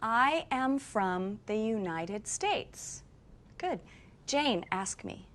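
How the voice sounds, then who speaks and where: Brief: female teacher, clear drilled delivery, somewhat high voice, slow pacing. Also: expressive, a bit bright, slight background noise. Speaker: English teacher. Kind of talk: slow scripted English lesson.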